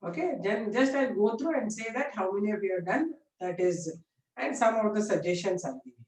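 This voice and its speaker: A woman's voice: mid-range voice, lively intonation, brisk, darkish tone. A woman with an Indian accent teaching informally like a classroom lecturer, repeating points and often checking that students follow. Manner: repetitive explaining with frequent check-in questions. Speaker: biology teacher. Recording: echoey room, distant mic.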